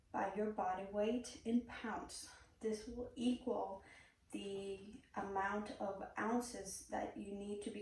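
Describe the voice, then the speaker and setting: Her medium-pitched voice gravelly and a little mellow, a Puerto Rican woman, a native Spanish speaker with a Puerto Rican Spanish accent, gives a prepared persuasive speech in an earnest, direct manner, slipping in a few "um"s. The mic is distant in a very echoey room, with slight hiss or hum.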